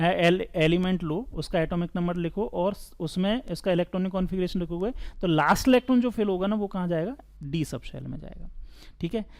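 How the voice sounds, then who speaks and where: A man's voice: sits high, darkish tone. A man teaching chemistry at a board in a casual, chatty way, asking the class questions and answering them himself. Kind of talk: board lesson.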